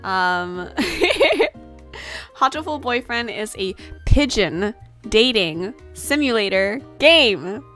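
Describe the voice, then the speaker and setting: On a gaming livestream from a small room at home, a young adult woman chats playfully, rambling and giggly, into a desk microphone with headset as music plays. Her mid-range voice is bright and forceful, drawing out words with big pitch swings.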